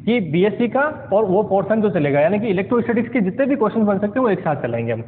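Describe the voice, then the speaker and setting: A man's voice: high-pitched, very animated, rapid-fire. A man teaching physics in a classroom lecture, often asking his students questions and mixing English terms into his talk. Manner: keeps asking the class questions, checks understanding; mixes English science terms into Hindi. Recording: tinny lo-fi sound with long reverb.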